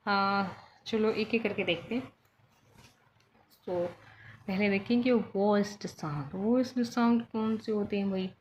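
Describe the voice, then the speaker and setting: An unhurried young woman teacher goes through quiz answers, chatty and quick to correct herself. Her voice sits in a middle pitch. The recording is dull and lo-fi, with faint noise behind her. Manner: chatty, mixes Hindi and English, self-corrects. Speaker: exam prep teacher.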